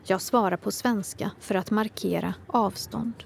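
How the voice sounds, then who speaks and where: A woman reading her own first-person literary prose in a measured, reflective way. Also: mid-range voice, vocal fry.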